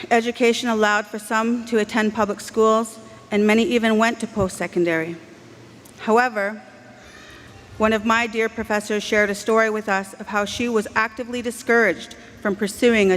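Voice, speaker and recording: A woman from Canada giving a formal graduation address, measured, earnest and heartfelt, speaking into a podium microphone. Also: mid-range voice. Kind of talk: formal convocation speech. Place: large indoor ceremony hall. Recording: long hall reverb, faint background hiss.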